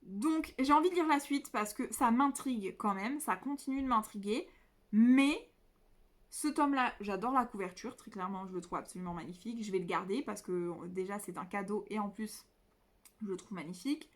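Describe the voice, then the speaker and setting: Sitting indoors by a window at home, a young woman who vlogs about books chats casually about what she's read. Her voice is medium-pitched and moderately paced, and she hesitates a lot, full of fillers and restarts.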